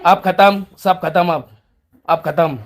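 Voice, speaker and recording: A man's voice: high-pitched, steady tone, takes it slowly, gravelly. A middle-aged man arguing heatedly on a live stream, scolding and repeating the same accusations again and again. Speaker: livestreamer in a family quarrel.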